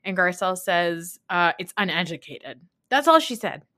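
A thirties-aged woman hosts a podcast with casual, blunt, opinionated reality TV commentary, heavy on swearing and emphatic retelling, mimicking others when quoting. Her voice is on the low side, pushed and bright, with big pitch swings at a moderate pace.

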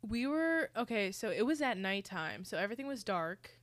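Chatting on a podcast she co-hosts, a young woman with a mid-range voice and moderate pace spins lively stories, gasping and swearing now and then for effect. The recording has no echo.

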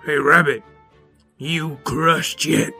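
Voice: medium pitch, takes it slowly, vocal fry, bright, forceful tone, soft background music, exaggerated voice. A storyteller doing chanting bully boulders. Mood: taunting. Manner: chanting, sing-song taunts. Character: three big bullying rolling boulders.

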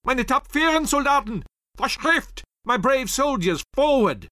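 A man voicing a furious colonel who rallies his troops in a frantic shout. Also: very high voice, sing-song, measured pace, dry recording, clean studio sound, voice pushed up, exaggerated voice. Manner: shouting in alarm.

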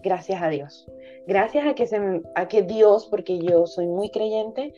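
A woman's voice: mid-range voice, measured pace, dark tone, dull audio, soft background music. A young woman, a physician, telling her personal story candidly and emotionally in a podcast interview, with many hesitations. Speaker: guest, physician.

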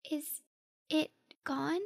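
A woman's voice: sits high, steady tone, drawn-out words, gravelly, no room sound, clean studio sound, exaggerated voice. A woman voicing a frightened young girl in an audio drama, speaking in a shaky, fearful way.

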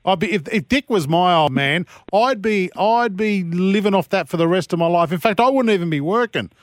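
A man's voice: high voice, lively intonation, brisk, no room sound. Cheeky Australian man hosting sports radio. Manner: blokey, cheeky, matey. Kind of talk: casual banter and interviewing. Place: radio studio.

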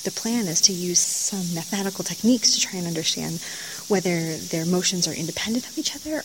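A woman's voice: lowish voice, gravelly. A woman explaining her field research as a scientist, recorded on location inside a large cave. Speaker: mechanical engineer, field researcher. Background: insect-like chirping and hum, bats overhead.

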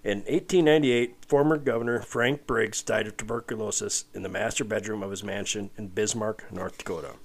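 Casual podcast co-host, male, fairly low voice, wry and crude, moving between loose chat and reading aloud. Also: fairly even intonation, brisk, gravelly, hardly any pauses. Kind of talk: casual podcast chat with read-out ghost stories.

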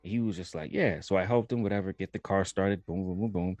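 A young man telling a personal story in a casual podcast chat, animated and laughing as he talks. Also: low-pitched, fast, faint music behind. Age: young adult. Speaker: podcast co-host.

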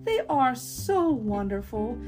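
Woman voicing a small eager boy fish, high-pitched and pleading, for a picture-book reading. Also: sing-song, slow, a little mellow, soft background music.

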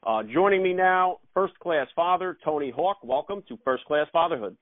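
A man's voice: a little high, animated, moderate pace, heavy background noise. A man hosting a casual podcast interview, heard over a tinny phone-like line.

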